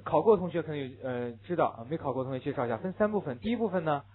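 A male English teacher giving a classroom lecture, repeating English words slowly for his students to read along. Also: on the high side, animated. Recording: narrow phone-like lo-fi sound.

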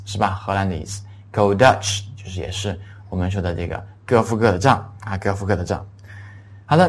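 A middle-aged man giving an English lesson, spelling words out letter by letter and repeating phrases slowly for students to follow. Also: lowish voice. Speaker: English teacher. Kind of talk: classroom language lesson.

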